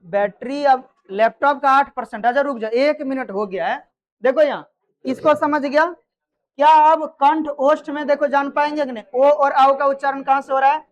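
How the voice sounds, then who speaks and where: A woman's voice: high voice, normal speed, muffled recording. A woman teaching a grammar class, quizzing students and checking that they follow. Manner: quizzes students, repeats answers, checks understanding. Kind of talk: live classroom lesson.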